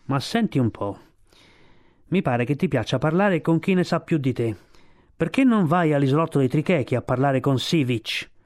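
A man voicing a calm, wise old male sea lion in a storybook, giving unhurried advice. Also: a little high, lightly acted.

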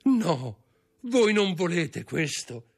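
A man's voice: mid-range voice, wildly swooping pitch, slow, husky, voice pushed up, full character voice. A man reading an audiobook, voicing a frightened young wife who stammers and pleads. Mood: terrified pleading.

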